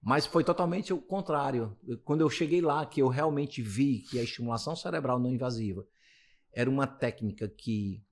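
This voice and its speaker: A brisk, mid-range male voice belongs to a Brazilian physiotherapist in his late fifties. He's being interviewed and talks casually, rambling and restarting often.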